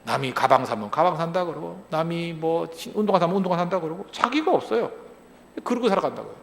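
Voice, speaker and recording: Male pastor, high and lively voice, animated sermon full of rhetorical questions, long reverb of a large hall. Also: quick pace, vocal fry, slight background noise. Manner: acts out short quoted lines in other voices.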